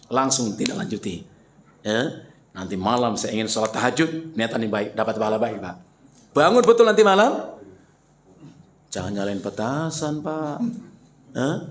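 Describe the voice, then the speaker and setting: A man preaching a mosque lecture, animated and rhetorical, turning often to his listeners with questions. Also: mid-range voice, slight background noise. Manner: animated, rhetorical questions, addresses the congregation directly.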